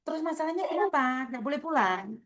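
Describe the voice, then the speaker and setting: Wanita beraksen Jawa, menenangkan dan mendesak. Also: female voice, high voice, lively intonation, brisk, fairly bright tone. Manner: soothing, urgent, repeats words. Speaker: host advising migrant workers. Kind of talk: emotional video call.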